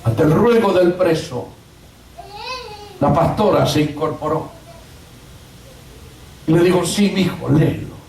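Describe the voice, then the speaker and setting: A woman's voice: low-pitched, slow pace, long pauses, slight background noise. Impassioned woman preaching in church. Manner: impassioned, often shouting emphasis. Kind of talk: evangelical sermon storytelling. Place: church sanctuary. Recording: roomy church sound from far off.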